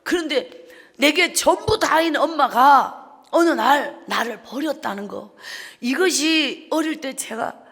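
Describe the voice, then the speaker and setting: A woman's voice: high voice, slow, fairly bright tone, long reverb tail. A woman evangelist, telling a personal testimony in a sermon with rising emotion, in a church sanctuary. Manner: emotional storytelling, swelling to cries. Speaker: evangelist preacher.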